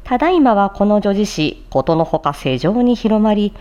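In a practice show, a woman voice performer explains and demonstrates recitation, alternating casual talk with formal script reading and paying close attention to articulation in tricky phrases. Her medium-pitched voice is smooth and darkish, with lively intonation at a moderate pace, captured on lo-fi audio.

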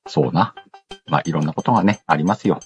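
Speaking fast in a low-pitched voice, a man runs a casual radio-style show, playfully reading listener letters in slang and cutting himself off with side remarks. Music plays in the background of the dull, lo-fi recording.

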